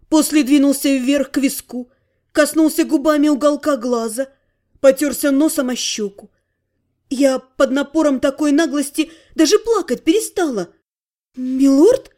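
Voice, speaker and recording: A woman's voice: sits high, normal speed, a little mellow. A woman narrating a first-person story as an audiobook, reading expressively with emotion.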